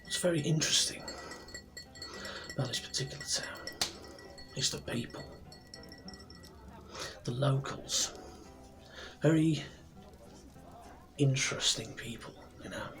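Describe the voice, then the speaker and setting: In a fantasy ASMR roleplay, a man with a natural, medium-pitched voice plays a friendly, proud tavern barkeep. He speaks softly and breathily, often near a whisper, chatting gently and unhurriedly with rambling pauses. Soft music and tavern ambience fill the background.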